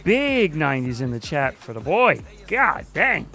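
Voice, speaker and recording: A man hosting a live stream, chatting casually and excitably, swearing now and then. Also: a little high, a little slow, vocal fry, faint music behind. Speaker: livestream host.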